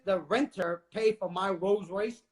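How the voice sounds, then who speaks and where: A man from Vietnam in his forties talks as an interview guest with a high-pitched voice. He is emphatic and preachy and keeps turning to the listeners directly. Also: a little slow, a little hiss or hum. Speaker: guest, real estate investor. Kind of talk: motivational interview talk.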